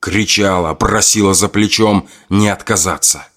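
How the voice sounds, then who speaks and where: A man narrating a horror folk tale in a grim, measured storytelling manner. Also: deep voice, steady tone, fairly bright tone.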